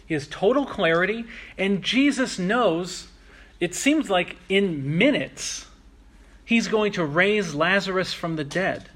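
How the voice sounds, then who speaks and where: Earnest man preaching, fairly high voice. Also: lively intonation, fairly bright tone. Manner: earnest, reflective, slows down on key phrases. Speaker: pastor. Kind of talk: sermon.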